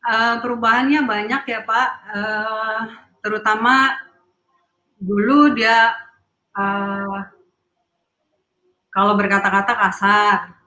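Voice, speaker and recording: A woman answering interview questions in a hesitant, halting way with many fillers. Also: on the high side, steady tone, sharp tone. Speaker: guest. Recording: echoey room.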